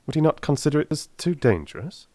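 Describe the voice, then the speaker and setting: A man's voice: on the high side, sing-song, fast talker, darkish tone, no echo, pitched above the performer's own voice. A man voicing an earnest doctor and detective's companion in a dramatised audiobook, with plain, restrained questioning. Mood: curious, earnest. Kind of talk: dramatised audiobook character acting.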